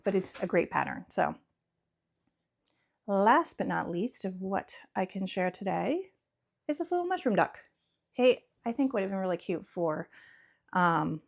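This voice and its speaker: A woman's voice: mid-range voice, creaky, a little mellow. A young woman chatting casually about her crochet projects, rambling and giggly, often correcting herself. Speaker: crochet vlogger and small business owner. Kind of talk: casual chat.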